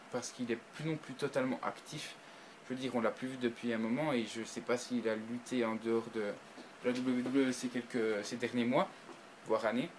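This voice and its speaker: A man talks casually to his viewers in a review, his voice sitting at an ordinary middle pitch. He stumbles through restarts and fillers, then bursts into excitement. A faint noise runs underneath. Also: poor audio. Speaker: video reviewer. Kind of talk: casual spoken review to camera.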